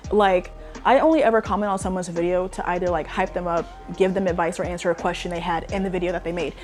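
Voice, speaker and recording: A woman's voice: lowish voice, fairly even intonation, fast talker, faint music behind. A young woman giving casual online commentary, exasperated and emphatic, with lots of "like" fillers. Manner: exasperated, emphatic ranting with frequent "like". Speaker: social media commentator.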